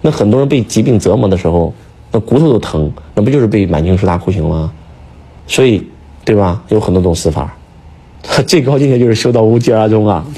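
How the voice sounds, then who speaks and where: A husky-voiced man talks quickly and emphatically, firing rhetorical questions at his listener. His pitch sits low but swings widely as he presses each point. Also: expressive, mellow. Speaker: speaker, teacher. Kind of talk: casual preaching chat.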